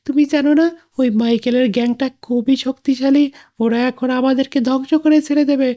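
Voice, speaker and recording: A woman voicing a high fretful mother. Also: fairly even intonation, a little fast, warm tone, natural voice. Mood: worried. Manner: scolding, worried. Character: anxious mother and wife, fretful.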